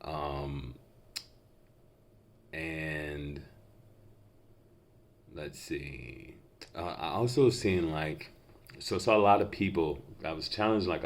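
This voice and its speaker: A man's voice: extremely low pitch, slight background noise. A man giving an unscripted intuitive reading as a psychic, feeling out impressions tentatively, piece by piece, like a mentalist. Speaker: psychic reader giving channeled messages.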